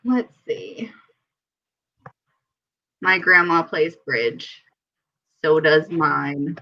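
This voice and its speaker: Hosting a casual livestream chat, a woman giggles and talks freely while reading viewer comments aloud. Her voice is deep, gravelly, and very slow, and the stream audio is dull and lo-fi.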